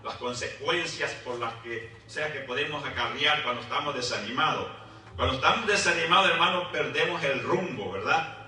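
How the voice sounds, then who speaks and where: Hombre predicando con eco de iglesia. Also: male voice, mid-range voice, bright, forceful tone. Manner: frequent "¿verdad?" and "gloria a Jesús" asides; halting, with repeated words and restarts. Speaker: preacher. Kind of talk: sermon. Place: church hall. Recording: echoey church, mic at a distance.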